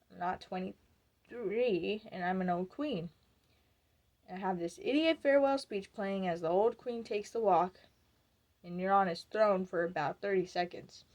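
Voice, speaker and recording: A woman's voice: medium pitch, natural voice. A woman performing a theatrical monologue as a wry, outspoken young former beauty queen, telling her story and acting out the quotes.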